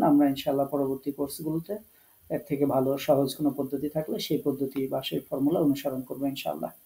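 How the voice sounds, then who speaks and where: A man with a Bangladeshi Bengali accent teaching an online Quran recitation class, explaining earnestly with pauses and English words mixed in. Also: on the high side, gravelly, dark tone, low-quality recording.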